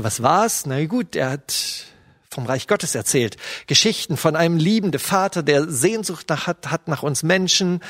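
A man's voice: on the high side, dry recording, studio quality. A middle-aged man giving a sermon, retelling a scene in a loose, storytelling way with fillers. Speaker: preacher.

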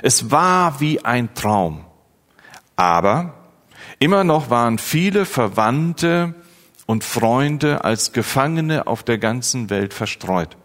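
A male preacher delivers a sermon with unhurried, deliberate pacing and an earnest pastoral tone. His voice sits at an ordinary pitch and swells with emphasis on repeated phrases. The sound carries a long church-hall reverb. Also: very animated, fairly bright tone. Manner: slow, earnest, pastoral address with rising emphasis.

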